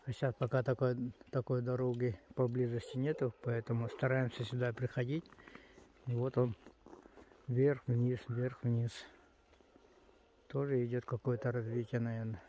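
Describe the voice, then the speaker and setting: A man's voice: medium pitch, flat delivery, moderate pace, warm tone. A man narrating casually outdoors on a snowy sledding hill, like a father filming his children. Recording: noisy outdoor home video.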